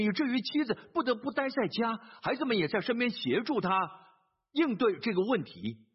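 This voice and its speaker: A man's voice: high voice, husky. A man preaching a sermon, telling a story earnestly, with hesitant fillers and repeated phrases. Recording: dull lo-fi sermon recording.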